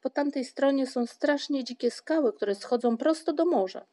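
Woman playing an eager little troll kid, high, excited, mellow tone. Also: moderate pace. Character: eager young troll child, cheerful.

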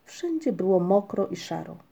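A woman narrates a children's storybook in a gentle, even way. Her tone is mellow and warm, at a middle pitch. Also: moderate pace, gravelly, husky. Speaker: audiobook narrator.

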